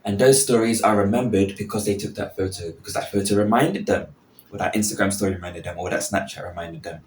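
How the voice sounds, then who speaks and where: Speaking fast in a low voice with a steady tone, a man in his early twenties hosts an unscripted, casual podcast, rambling and regularly interrupting himself. He's in a small indoor bathroom, and the recording echoes and picks up some background noise.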